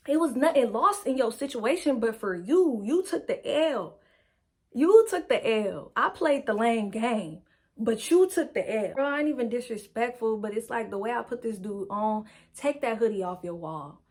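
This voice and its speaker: A young woman casually telling a personal story, slangy and animated, acting out what people said. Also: on the high side, normal speed. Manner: animated, slangy, acts out quotes.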